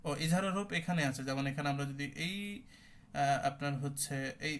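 A man teaching an online class on Quran recitation rules. He explains step by step, often checks whether listeners understand, and chants example words with drawn-out recitation. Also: fairly high pitch. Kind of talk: online tajweed class lecture.

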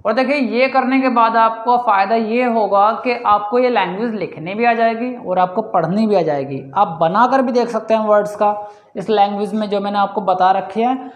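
A man teaching English pronunciation in a casual spoken lesson, slowly repeating example sounds and often calling his viewers guys. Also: high voice, dull audio. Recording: roomy echo.

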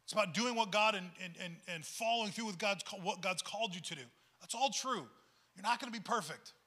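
A man's voice: high-pitched, a little fast, bright, forceful tone. A male pastor preaching a sermon in an earnest, conversational way, often repeating words as he goes.

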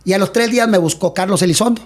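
A middle-aged man, telling stories in a casual interview, animated and full of sound effects. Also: sits high. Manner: rapid, animated storytelling with sound effects and acted-out quotes. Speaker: guest, retired wrestler.

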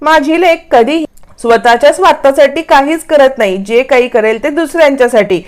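A woman's voice: sits high, normal speed, lightly acted. A woman reading an anxious, caring mother. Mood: worried. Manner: anxious, questioning. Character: worried caring mother on the phone.

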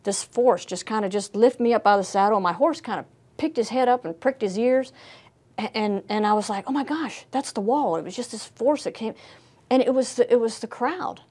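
A middle-aged woman, a former jockey telling stories in an interview, animated and full of restarts. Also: fairly high pitch, fairly quick. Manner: animated storyteller, many restarts. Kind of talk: casual storytelling interview.

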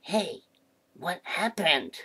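A man's voice: high voice, big pitch swings, very slow, bright, forceful tone, breathy edge, full character voice. A man voicing a friendly, curious male puppet in a children's puppet show, chatty and playful. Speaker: puppet character.

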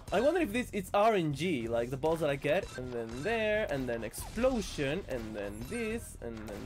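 A sick man streaming a video game, excitable and swearing as he plays. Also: high voice. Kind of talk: casual gameplay commentary.

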